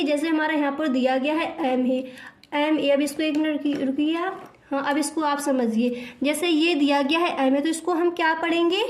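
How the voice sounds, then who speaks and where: Woman teacher, high voice, patient, keeps quizzing n answering herself, roomy echo. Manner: patient, repeats questions and answers them herself. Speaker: English grammar teacher. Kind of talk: classroom explanation.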